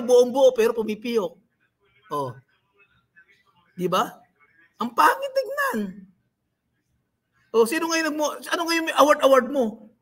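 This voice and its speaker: A man with a high-pitched, fairly bright voice runs a livestream. His commentary turns into a rant in which he mocks and scolds the people he talks about.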